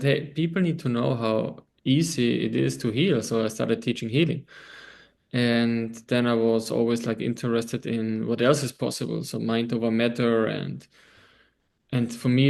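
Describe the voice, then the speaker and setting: A man from Austria with a German accent, a guest on an online interview, talking loosely with pauses and frequent laughs. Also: mid-range voice, creaky, darkish tone. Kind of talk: casual interview over video call. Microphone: video call.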